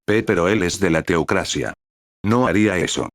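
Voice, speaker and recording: Man voicing a distracted lovesick young man, flat delivery, deep, dry audiobook sound. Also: normal speed, no room sound. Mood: flustered. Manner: flat, deadpan.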